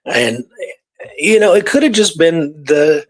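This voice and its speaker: A radio talk show co-host with a fairly high, animated voice tells Old West history slowly and casually, often checking in with the listener and sprinkling in "you know" and "right."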